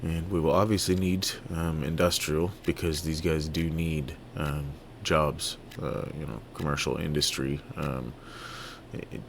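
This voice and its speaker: A man from Toronto giving relaxed, halting let's-play commentary on a city-building game, full of fillers and restarts. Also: extremely low pitch, vocal fry, slight background noise. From Toronto, Canada. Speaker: gaming video creator.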